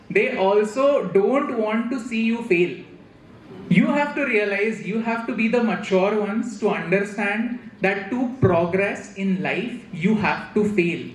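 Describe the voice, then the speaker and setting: A man in his thirties with an Indian accent, giving a lively motivational talk to a room of students, often repeating himself and asking the audience questions. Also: high-pitched. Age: 30s. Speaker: guest speaker. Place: large hall with a student audience. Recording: echoey hall with faint noise.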